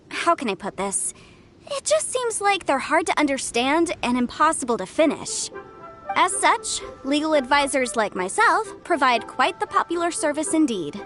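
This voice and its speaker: An actress voicing a clever, confident young legal advisor in a video game, with a crisp and lightly amused manner. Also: female voice, high-pitched, a bit bright.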